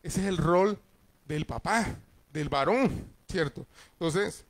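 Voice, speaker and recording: A middle-aged man with a fairly high-pitched voice speaks slowly as a pastor teaching Sunday school. He keeps it conversational, checks in with his listeners, and briefly acts out family members' voices.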